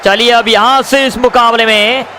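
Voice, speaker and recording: A man giving excited live cricket commentary, addressing viewers as friends and repeating stock phrases. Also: very high-pitched, moderate pace. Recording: crowd and noise behind the voice.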